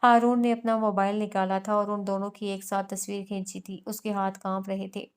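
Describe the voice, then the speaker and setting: A woman narrating a romance novel in a steady storytelling manner. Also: mid-range voice, moderate pace, smooth. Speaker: audiobook narrator.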